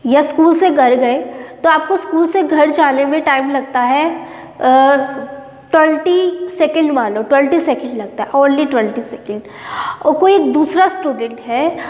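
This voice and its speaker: A woman's voice: sits high, roomy sound, in a large hall. An Indian woman teaching a science lesson to students, explaining patiently and asking rhetorical questions as she goes. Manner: explains with rhetorical questions, mixing Hindi and English. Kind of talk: classroom lecture to students.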